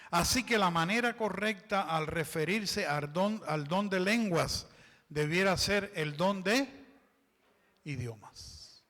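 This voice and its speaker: In a church hall with long, ringing reverb, a man with a high, sharp voice preaches a sermon as a pastor. He reads scripture aloud, explains it, and asks the congregation to fill in the words.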